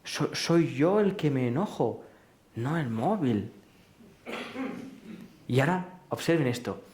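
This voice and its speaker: A man giving a live talk to an audience in a large hall, speaking in a questioning, rhetorical way and gently teasing his listeners. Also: medium pitch, animated, slow pace, slight background noise. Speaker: speaker at a public lecture. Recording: roomy hall echo.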